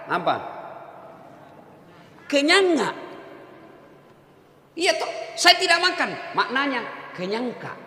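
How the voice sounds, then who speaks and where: A high-pitched man preaches with a lively, swooping voice. His teasing, emphatic sermon rings through a large, echoey hall with a long reverb. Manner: teasing, emphatic, rousing the audience with shouted calls. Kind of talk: humorous sermon to a crowd.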